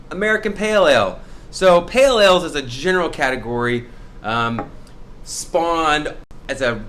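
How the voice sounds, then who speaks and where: A young man with a mid-pitched voice hosts a casual brewery show, upbeat and chatty. He drops playful sound effects as he talks. A faint ambient hum sits behind him. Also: a bit bright. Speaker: brewery host. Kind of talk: casual promotional vlog chat.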